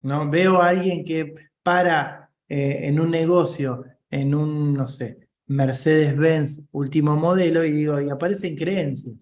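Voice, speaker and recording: A man's voice: a little high, steady tone, measured pace, few pauses, a little mellow, roomy sound. A man with a Rioplatense Spanish accent, giving an informal leadership coaching class and checking in often with his listeners.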